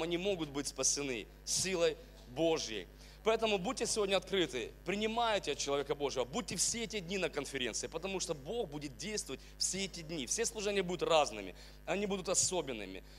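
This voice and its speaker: A man's voice: a little high, fairly bright tone, slight background noise. A man in his thirties on a church stage with a handheld mic, welcoming the congregation and urging them with fervent exhortation. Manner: fervent, exclaiming praise, then earnest exhortation. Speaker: worship leader and church host. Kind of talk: worship leading and sermon-style welcome. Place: large church hall stage with band.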